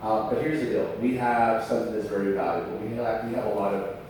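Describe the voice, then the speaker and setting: A man's voice: fairly low pitch, fairly even intonation, fast, darkish tone. A man from Austin, Texas, a school board trustee, speaking earnestly to a public forum with many fillers and restarts. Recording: echoey hall, mic far off, background noise.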